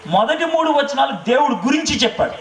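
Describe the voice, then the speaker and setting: A man's voice: very high voice, sing-song, fairly quick, echoey room, distant mic, low-quality recording. A man preaching a sermon at an evening revival meeting, asking the crowd rhetorical questions and telling a family story with laughter. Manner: asks the crowd rhetorical questions, keeps checking they understood.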